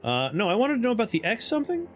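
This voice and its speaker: A man's voice: extremely high pitch, wildly swooping pitch, very fast. A man livestreaming a game, chatting casually and reading options aloud as he plays. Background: faint game music.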